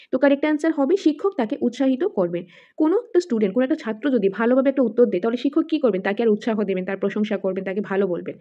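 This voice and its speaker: A female teacher with a fairly high voice goes through exam questions quiz-style, reading the options aloud, then restating each answer with English words mixed in. The audio sounds dull.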